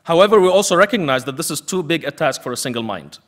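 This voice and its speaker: A man's voice: on the high side, expressive, fast talker, a bit bright. Man giving an emphatic lecture. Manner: emphatic, rhetorical repetition. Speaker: panel speaker, activist. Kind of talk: prepared lecture speech.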